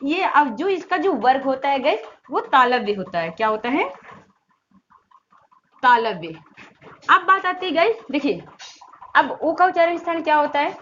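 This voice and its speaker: A woman's voice: sits high, sing-song, a bit bright, muffled recording, a little hiss or hum. A woman teaching Hindi grammar for competitive exams. She keeps asking her students questions, answers them herself, and draws out the vowel sounds to show how they are made. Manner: repetitive call-and-response questioning; drawn-out demonstration of vowel sounds. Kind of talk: exam-prep grammar lesson.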